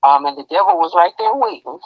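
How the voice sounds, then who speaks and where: Woman guest, gravelly edge, halting emotional delivery, dull lo-fi recording. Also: low voice, wildly swooping pitch, no room sound. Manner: halting, repeats words, emotional. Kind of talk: personal testimony in an interview.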